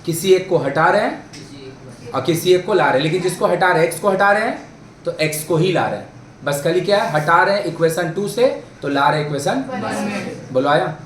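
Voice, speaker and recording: A man with a high voice and lively intonation tutors math students in a classroom at a normal pace, mixing Hindi and English. He coaxes them along with questions and calls them babu and bhai. The room echoes, the mic is far off and there's faint background noise.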